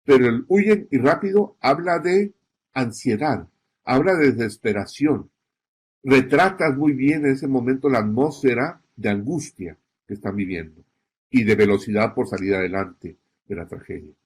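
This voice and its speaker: Male instructor, husky, mid-pitched voice, didactic lecture delivery with frequent check-ins. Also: moderate pace. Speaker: journalism instructor. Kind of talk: recorded lecture.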